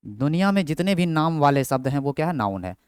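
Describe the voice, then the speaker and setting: A man's voice: on the high side, big pitch swings, brisk, a little mellow, smooth, no room sound, clean studio sound. A young man teaching a grammar class, who keeps asking his own questions and answering them. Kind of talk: Hindi grammar lesson with English terms.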